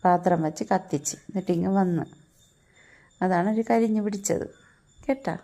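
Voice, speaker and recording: A woman's voice: lowish voice, moderate pace, warm tone. A young mother talking to her small child at home, scolding and teasing her in a playful way. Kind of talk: casual home vlog talk to her child.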